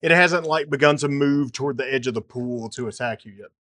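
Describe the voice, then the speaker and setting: A man's voice: mid-range voice, brisk, a bit bright. A man narrating as game master, explaining rules in an easygoing way with loose restarts.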